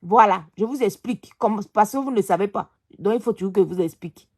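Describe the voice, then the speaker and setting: A woman's voice: mid-range voice, fairly quick, a little mellow, breathy edge. A woman co-hosting a live stream, chatty and teasing, gossiping and repeating her phrases. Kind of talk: heated casual live stream chat.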